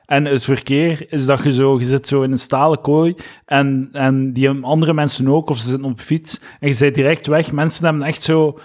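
Flemish man, playful teaser in casual group talk, mid pitch. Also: steady tone, moderate pace, hardly any pauses, a little mellow. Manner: teasing, playful questions. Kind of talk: casual chat.

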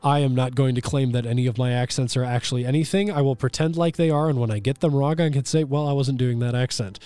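A man's voice: mid-range voice, fairly even intonation, fast talker, mellow, smooth. A man narrating a tabletop game as game master, casual and chatty, with many fillers and self-corrections.

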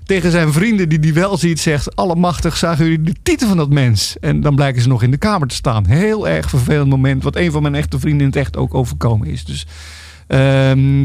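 A man's voice: fairly high pitch, creaky, darkish tone, no room sound. A middle-aged man, an author, talking as a guest in a radio interview, hesitant and full of filler sounds and restarts.

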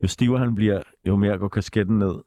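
A middle-aged man talks in a relaxed, unhurried way, hesitating with fillers as he recalls things. His voice is very low and mellow. The recording is close and dry. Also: dry recording. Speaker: guest musician. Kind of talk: casual chat.

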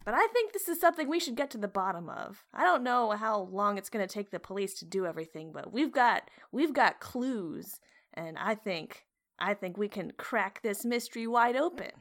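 A woman's voice: mid-range voice, animated, normal speed, fairly bright tone. A woman playing a tabletop game, eager to solve a mystery. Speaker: player. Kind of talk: casual tabletop play.

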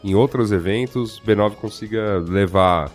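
A man's voice: lowish voice, unhurried, faint music behind. A man, chatting easily as a podcast co-host. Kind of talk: casual chat.

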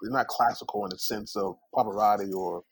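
His pitch sits fairly low, his pace is a little fast, and his voice has a slightly rough texture, with no echo around it. As a singer being interviewed, he casually recounts stories, plays out the dialogue, and peppers everything with "you know," "man," and other asides.

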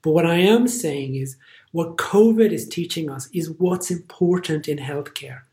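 A man's voice: fairly high pitch, a little slow, darkish tone. A middle-aged man with an Irish accent, a physician guest on a podcast interview, speaking earnestly and stressing his points through repetition. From Ireland.

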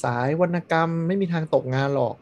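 A man chatting casually on a podcast, blunt and animated, swearing freely. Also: a little high, a little fast, highs cut off. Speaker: podcast host. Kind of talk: casual chat.

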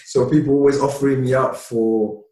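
A man from Somalia, a podcast guest, telling stories from his childhood in a relaxed, chatty way with lots of laughter and fillers. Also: medium pitch, a little fast. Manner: relaxed, laughs often, many "you know" fillers. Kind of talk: casual storytelling. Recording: roomy, distant mic.

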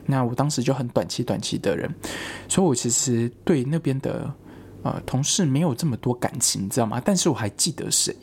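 A young Taiwanese vlogger with a mid-range voice tells a personal story fairly quickly and casually, packed with fillers and lively acted-out quotes. There's a little hiss or hum in the recording.

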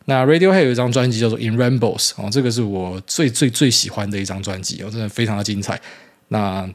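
A man's voice: on the low side, fast. A man in his thirties with a Taiwanese Mandarin accent, hosting a casual solo podcast in a rambling, blunt way with mild swearing. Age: 30s. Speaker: podcast host.

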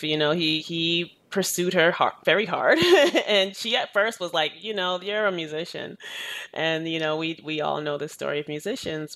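A woman's voice: low voice, fairly bright tone. A woman in her thirties who was born in Jamaica, answering interview questions in a thoughtful, earnest way, often with "you know.". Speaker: educator and activist, interview guest.

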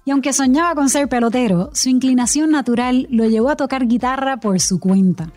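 A Puerto Rican woman hosting a podcast, giving scripted narration in a measured, clear way and interviewing a guest. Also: high voice, a little mellow, no room sound, faint music behind. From Puerto Rico. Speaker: podcast host and journalist.

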